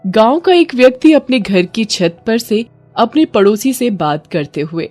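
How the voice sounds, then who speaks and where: A woman narrates a scripted horror story dramatically, her voice a little high, expressive, unhurried and slightly mellow. Music plays underneath her voice throughout.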